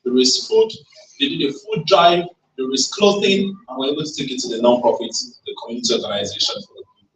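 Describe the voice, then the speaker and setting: A man's voice: medium pitch, huge pitch swings, quick pace, fairly bright tone, slight background noise. A man giving an emphatic, rallying motivational talk at a tech event, drawing the audience in with call-and-response questions. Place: event hall. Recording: roomy hall, voice from far off.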